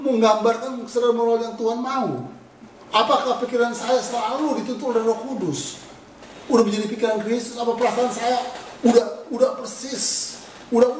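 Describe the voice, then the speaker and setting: A man in his sixties with an Indonesian accent, preaching a sermon in an earnest, confessional way with self-deprecating laughs. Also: extremely high pitch. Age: 60s. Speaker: pastor. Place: church hall. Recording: echoey hall, mic at a distance, faint noise.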